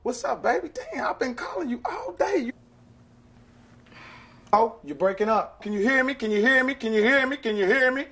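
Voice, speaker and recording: A man plays a husky boyfriend calling on a bad phone line, his voice sounding distant while the call keeps dropping out and fading away. He rushes his words and repeats himself. His pitch moves a lot as he does this. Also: very animated, fairly bright tone, heavily acted. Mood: urgent. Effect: phone call breaking up and fading out. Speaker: caller on the phone.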